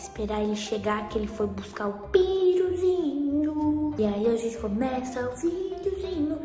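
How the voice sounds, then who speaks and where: A young Brazilian woman talks straight to her viewers in a playful, chatty vlog. Her voice sits high and bright. The room is echoey, with music playing behind her. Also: animated, moderate pace. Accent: Brazilian Portuguese. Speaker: vlogger. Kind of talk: casual vlog to camera.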